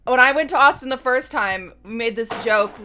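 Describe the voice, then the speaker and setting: A woman's voice: fairly high pitch, fairly quick, pushed and bright, a little hiss or hum. A woman co-hosting a podcast, bantering in a teasing, self-mocking way. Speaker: podcast co-host. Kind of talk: casual chat.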